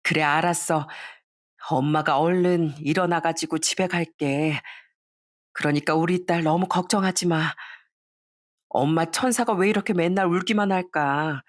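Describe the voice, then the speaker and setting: A woman voicing a gentle, ailing mother softly comforting her daughter. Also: sits low, moderate pace, no room sound, studio quality, natural voice. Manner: soft and reassuring.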